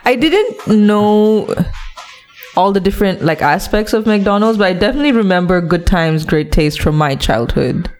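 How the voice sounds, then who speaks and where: A woman's voice: mid-range voice, lively intonation, normal speed, soft background music. A woman from Malaysia talking on a casual podcast, breezy and teasing.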